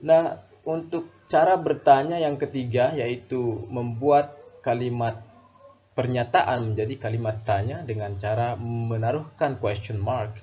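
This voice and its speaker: A man teaching an English grammar lesson in Indonesian, explaining slowly and repeating each example sentence. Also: medium pitch. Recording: dull lo-fi voice recording.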